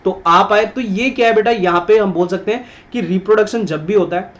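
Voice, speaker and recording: A high-voiced man gives a patient science lesson and keeps checking that his students follow. He calls them "beta" and repeats each point. The recording sounds dull and lo-fi. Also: fairly quick, fairly bright tone. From India. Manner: patient, repetitive, addresses students as "beta", frequent "theek hai". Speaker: science teacher. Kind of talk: online class lecture.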